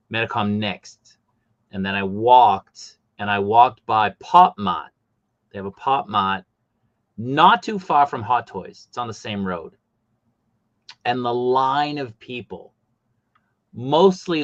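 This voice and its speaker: Low-voiced man chatting about toys. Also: no room sound, highs cut off. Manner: relaxed, rambling storyteller. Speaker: podcast host. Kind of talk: casual chat.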